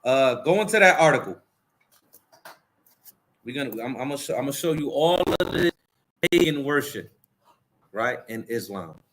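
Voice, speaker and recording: Lively, mocking preacher man hosting a stream. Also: mid-range voice, normal speed, long pauses, slight background noise. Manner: animated, mocking, directs a co-host to play clips. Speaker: host of a religious commentary stream. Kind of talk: preaching commentary on played clips.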